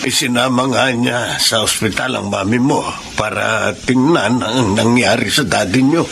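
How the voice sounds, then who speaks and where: An older man playing a gentle gravelly grandfather. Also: mid-range voice, unhurried. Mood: kind. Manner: calm, kindly. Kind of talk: radio drama acting. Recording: radio drama with noisy background.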